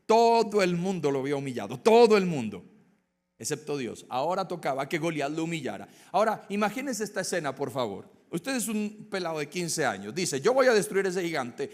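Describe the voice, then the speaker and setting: Passionate preacher, high voice. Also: male voice, big pitch swings, brisk. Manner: dramatic, swings from loud to hushed. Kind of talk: sermon. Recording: echoey hall.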